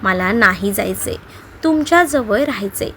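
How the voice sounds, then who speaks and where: A woman reading as a young wife in an audio story, moody and stubborn. She sounds sulky and irritable at a mid pitch, over faint room ambience. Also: lively intonation, moderate pace, fairly bright tone, slight background noise. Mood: tearful.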